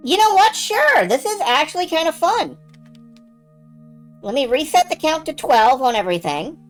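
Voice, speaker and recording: A woman's voice: high-pitched, big pitch swings, normal speed. A woman giving casual, sweary game commentary as a let's play host, narrating her own moves as she goes. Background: game music.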